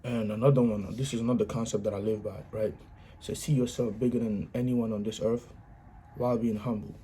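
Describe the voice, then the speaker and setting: A man talks through his personal philosophy in a loose, earnest monologue. He keeps circling back to the same points with informal grammar and restarts. His voice is mellow and dark, and faint ambience sits behind it. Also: fairly low pitch, flat delivery, brisk, slight background noise. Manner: earnest, repetitive, punctuates with "you know what I'm saying". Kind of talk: casual motivational monologue.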